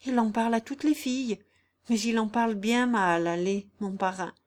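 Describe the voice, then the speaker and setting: A tender young peasant girl, earnest and pleading, her phrasing plain and rustic, as a woman reader puts her on. The voice sits high and carries with a lifted, heightened urgency. This is storybook acting in an audiobook. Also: moderate pace, a little mellow, close to an everyday voice. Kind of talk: audiobook character reading.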